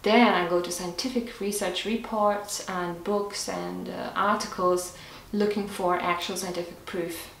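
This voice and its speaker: A health vlogger with a fairly low, creaky voice answers viewer questions to camera, thinking aloud and explaining step by step with small restarts. Her tone is steady and a little slow, and she sits a bit off the mic in a reverberant room with faint hiss, recorded from a distance.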